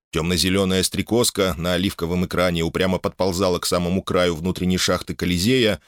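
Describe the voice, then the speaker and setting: A male narrator reads a novel aloud with an expressive, dramatic delivery. His voice is low but very animated in pitch, and the recording is dry, with no room sound. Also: dry recording. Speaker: audiobook narrator. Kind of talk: scripted audiobook narration.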